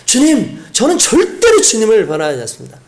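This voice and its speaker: A pastor voicing a frightened male disciple who loudly and flusteredly denies knowing his teacher. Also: high-pitched, huge pitch swings, fairly quick, pitched above the performer's own voice, full character voice. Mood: vowing. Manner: loud, flustered protesting.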